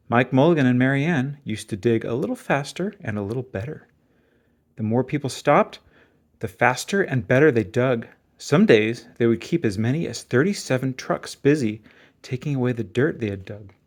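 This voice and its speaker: Reading a children's picture book aloud, a man uses an expressive storytelling style. His pitch is medium and his speed normal.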